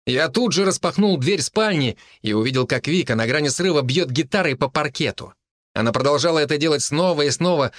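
A man narrating a first-person audiobook in a steady, earnest storytelling manner. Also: medium pitch, dry recording, studio quality.

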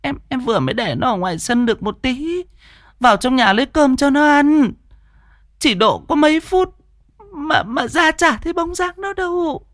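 A man's voice: very high-pitched, animated, normal speed, a bit bright, no room sound, studio quality, voice pushed up. A man voicing a panicked young mother in a spoken ghost story, stammering as she searches for her missing child.

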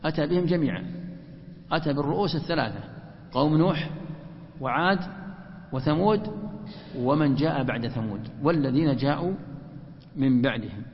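A man teaching a religious lesson that explains Quranic verses. He repeats and stresses key phrases and slows down to recite quotations. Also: medium pitch, creaky. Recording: dull lo-fi recording in a reverberant hall.

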